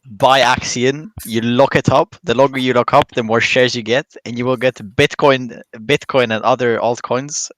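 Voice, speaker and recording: A man's voice: medium pitch, fairly even intonation, moderate pace, hardly any pauses, a bit bright, dry recording, poor audio. A man chatting informally in a group voice chat, slangy and teasing.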